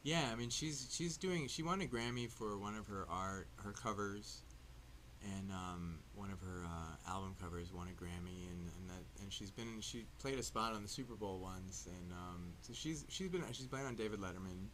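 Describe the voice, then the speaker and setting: Deep-voiced man, earnest studio guest. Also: moderate pace, fairly bright tone, a little hiss or hum. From Michigan, United States. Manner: earnest, admiring, talks at length. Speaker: musician guest. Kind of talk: casual on-air interview. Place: public access TV studio.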